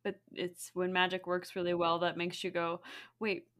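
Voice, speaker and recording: A woman's voice: lowish voice, completely flat delivery, normal speed, a bit bright. A woman guest in a casual podcast conversation, talking reflectively and loosely, with many fillers and frequent laughs.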